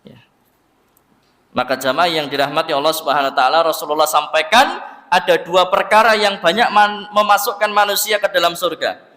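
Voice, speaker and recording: A man's voice: fairly high pitch, a little fast. A man with a Javanese accent preaching in a mosque, telling a story animatedly and acting out its voices. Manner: animated, acts out voices in the story, addresses listeners as "Pak". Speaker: Islamic preacher. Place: mosque hall. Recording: reverberant mosque hall.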